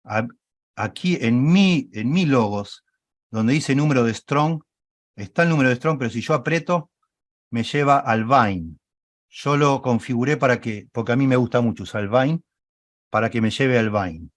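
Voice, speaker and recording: A man leads an online Bible study class, talking his listeners through software on screen. He explains patiently, keeps checking that they follow, and corrects himself as he goes. His voice sits at an ordinary male pitch in a dry, close recording. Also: normal speed, dry recording.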